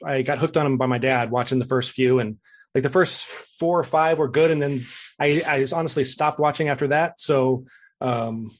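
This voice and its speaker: A man in his forties hosting a casual movie podcast, easygoing and quick to laugh. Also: medium pitch, slight background noise. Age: 40s. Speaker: podcast host. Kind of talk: casual chat.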